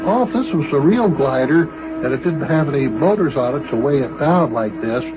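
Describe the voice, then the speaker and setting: A man's voice: fairly high pitch, animated, brisk, music in the background, natural voice. A man playing a folksy, boastful airplane pilot in an old children's radio serial. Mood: relaxed, chatty. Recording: muffled old radio recording.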